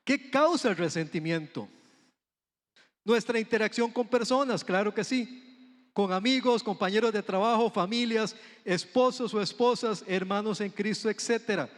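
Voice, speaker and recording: A man with a Costa Rican accent preaching a conversational sermon to his congregation, often checking in with quick questions. His voice sits high for a man. It rings with a long reverb from the church sanctuary. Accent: Costa Rican Spanish.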